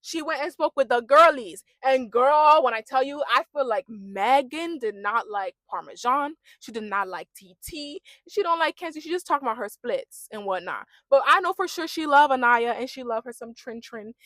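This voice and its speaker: A young woman giving a casual, animated rant as she recaps a reality show, talking in chatty slang. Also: sits high, normal speed, hardly any pauses, no room sound.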